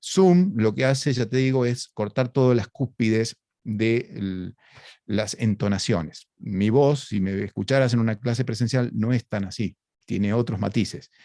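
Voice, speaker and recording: A man's voice: on the low side, a little slow, mellow, no echo, clean studio sound. A man with an Argentine Spanish accent giving a conversational academic talk over a video call, explaining points and asking rhetorical questions. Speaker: lecturer.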